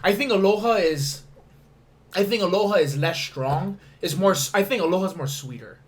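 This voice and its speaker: A high-voiced man from Hawaii co-hosts a casual podcast. He banters like a frat bro, brash and full of profane slang. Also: lively intonation, a little fast. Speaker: podcast co-host. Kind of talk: casual group podcast chat.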